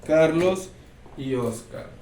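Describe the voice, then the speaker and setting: A man teaches a recorded lesson, slow and patient, checking in. His somewhat high voice comes from a distance in an echoey room a faint hiss behind it. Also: expressive, darkish tone. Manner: explains step by step, checks in with "¿sí?". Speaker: English teacher. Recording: roomy, distant mic, faint background noise.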